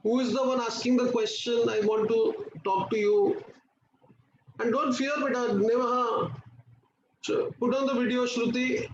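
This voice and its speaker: A man's voice: very high voice, fairly even intonation, unhurried. A man with an Indian accent teaching a live online class, insistently prompting students with repeated questions and endearments. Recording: roomy, muffled, noisy online class audio.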